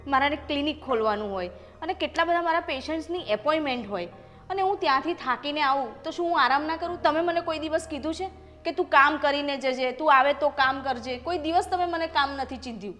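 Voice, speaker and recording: An upset, defiant young daughter, played by a woman, speaks in a high voice. The room rings with a long reverb, and soft music runs underneath. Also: fast talker. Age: young adult. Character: proud, unhappy young married daughter. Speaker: doctor. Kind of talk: short-film family drama acting.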